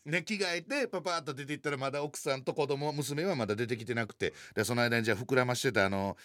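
A man in his forties with a Kansai accent, telling a funny story in a lively, self-mocking way. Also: mid-range voice, quick pace, no room sound, clean studio sound. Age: 40s. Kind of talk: comic storytelling chat.

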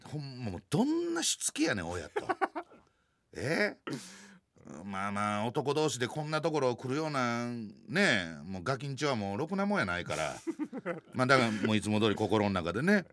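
A man in his forties with a Kansai accent, telling a funny story in a lively, self-mocking way. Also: mid-range voice, moderate pace. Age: 40s. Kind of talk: comic storytelling chat.

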